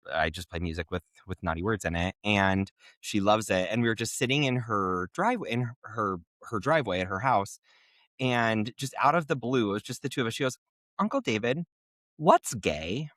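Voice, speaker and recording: A man's voice: no echo, studio quality. A man from Nebraska co-hosting a podcast, telling funny family stories in a casual, giggly way. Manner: animated, giggly storyteller who jumps high when excited. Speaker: podcast co-host. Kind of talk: casual storytelling chat.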